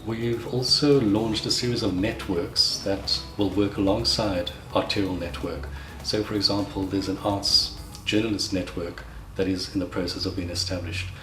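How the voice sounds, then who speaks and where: A man's voice: sits low, steady tone, normal speed, few pauses, fairly bright tone. A man explaining an organisation's work in an articulate, methodical way, as its secretary general. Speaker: secretary general of an arts network. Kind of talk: prepared explanatory talk in a promotional interview. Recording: roomy echo, faint background noise.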